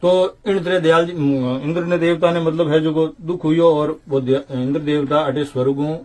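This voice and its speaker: A man's voice: on the high side, flat delivery, a little mellow. Older Rajasthani man reciting devotional lore. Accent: Marwari. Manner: slow chanting delivery of couplets. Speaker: saint narrating temple history. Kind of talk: devotional storytelling with recited verse.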